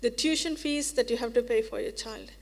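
A woman's voice: on the high side, fairly quick. A woman preacher giving a sermon in an earnest, reassuring way, repeating phrases for emphasis. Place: church hall. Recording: reverberant church hall.

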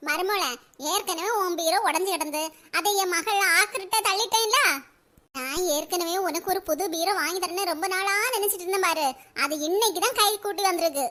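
A woman voicing an older village mother-in-law in a comedy cartoon, with a Kanyakumari Tamil accent and a shrill, squeaky voice. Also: fairly quick, bright, forceful tone. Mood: coaxing. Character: scheming old mother-in-law turned loving, village woman.

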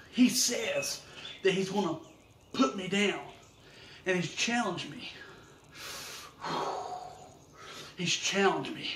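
A man delivering a wrestling promo as menacing, emphatic trash talk with deliberate pauses. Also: on the high side. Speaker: professional wrestler. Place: outdoors against a brick wall under an overhang. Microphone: camera a few metres away. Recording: roomy, distant mic with outdoor noise.

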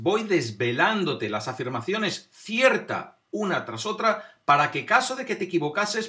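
A man walks the viewer through quiz answers in a bright, crisp voice. His pitch swings widely as he stretches out each number before revealing it. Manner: animated, drawn-out number reveals; addresses viewer directly, demonstrates on camera. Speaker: host of a quiz video. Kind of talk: explanatory quiz narration.

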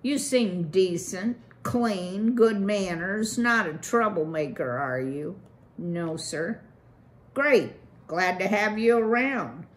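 Reading aloud from a storybook, a woman takes on the role of a brash male beaver boss who talks fast in slangy salesman patter. Her mid-range voice is animated.

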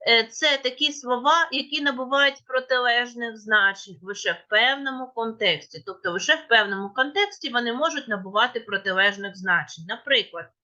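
A woman's voice: a little high, brisk, hardly any pauses, bright, forceful tone, muffled recording. A woman teacher giving a lesson, explaining step by step and asking and answering her own questions. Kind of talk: classroom lesson.

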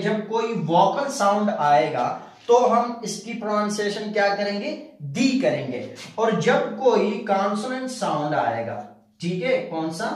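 Guy teaching english, pretty high voice, keeps saying theek hai, super echoey room. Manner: repeats "theek hai" as a verbal tic, asks the viewer rhetorical questions. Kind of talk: casual video lesson.

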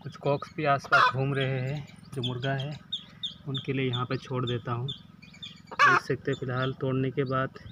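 Young man vlogging outdoors over loud noise. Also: medium pitch, little pitch movement, normal speed. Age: young adult. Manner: chatty, addresses viewers as friends. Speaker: village vlogger. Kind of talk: casual vlog narration. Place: outdoors in a village yard. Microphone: phone camera held while walking. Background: chickens and birds outdoors.

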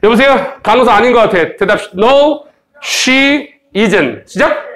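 A man teaching an English grammar lesson in Korean, playful and joking with students, slowly modeling English phrases for them to repeat. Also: extremely high pitch, lively intonation, a bit bright. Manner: playful, joking, teasing students, sound effects. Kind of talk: lively recorded grammar lecture.

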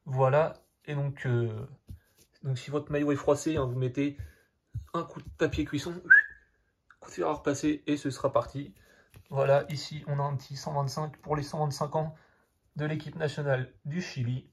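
A man's voice: a little high, fairly even intonation, normal speed, a little mellow. A young man with a French accent reviewing a football jersey in a casual vlog, rambling and filling nearly every phrase with hesitations. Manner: rambling, fills every phrase with "donc" and "euh".

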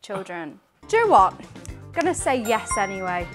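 A woman's voice: medium pitch, big pitch swings, normal speed, over music. A young woman on a dating show, talking casually in a giggly, apologetic way in a studio. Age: young adult. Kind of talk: casual chat.

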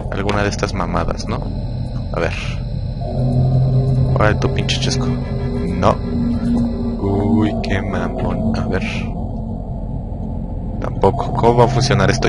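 A man with a Mexican accent giving casual gameplay commentary, crude and slangy, muttering to himself. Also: fairly low pitch. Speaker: gamer recording a let's play. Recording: loud game music behind the voice. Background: horror game music.

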